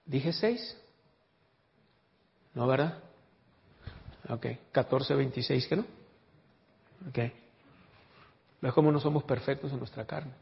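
A man preaching a sermon, moving from hushed storytelling to loud, fervent exclamations. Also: medium pitch, slow, creaky, long pauses. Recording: dull lo-fi recording.

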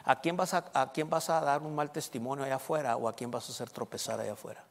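A man preaching a sermon as pastor, emphatic, swinging between loud and soft and checking in with the congregation. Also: medium pitch, fairly even intonation, fast talker. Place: church. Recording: long church reverb.

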